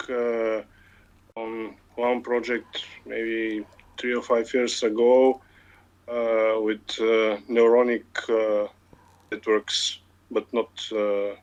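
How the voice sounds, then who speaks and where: A man in his forties from Bulgaria with a Bulgarian accent, an automation engineering lead speaking in a casual online meeting, hesitant with many filler pauses. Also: medium pitch, lo-fi sound. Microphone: computer mic on a video call.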